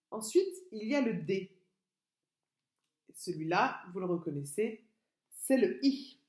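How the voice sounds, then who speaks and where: A woman teacher leads young children through spelling, stretching out each sound and syllable with great patience. Her pace is unhurried and deliberate, and her voice carries a noticeable room echo, as if recorded on a laptop at home. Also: on the low side, a little mellow. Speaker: kindergarten teacher. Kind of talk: remote literacy lesson for young children. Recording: echoey room.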